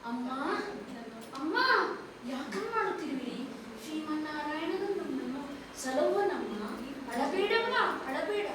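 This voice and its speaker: A woman as a gentle devout young boy. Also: high-pitched, lively intonation, a little slow, long pauses. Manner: soft, gentle, consoling. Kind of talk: solo stage recitation of a mythological play. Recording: echoey hall from far off, faint noise.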